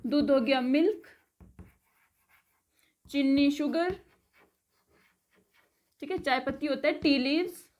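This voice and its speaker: A woman giving a casual vocabulary lesson, repeating each word slowly, spelling it out letter by letter and checking in after each item. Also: sits high, darkish tone, highs cut off. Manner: says "theek hai" after nearly every item. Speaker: spoken English teacher.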